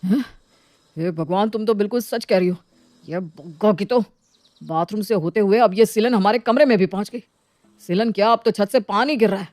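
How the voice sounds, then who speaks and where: A woman's voice: mid-range voice, moderate pace, darkish tone, no room sound, clean studio sound, lightly acted. A woman voicing a flustered, grumbling young husband in a voiced story drama. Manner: exasperated, grumbling.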